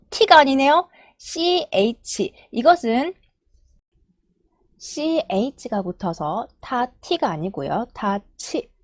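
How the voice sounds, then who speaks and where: A woman's voice: a little high, dry recording, studio quality. A woman teaching Japanese syllables in Korean, patiently counting aloud and drawing out each sample sound. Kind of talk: spoken lesson.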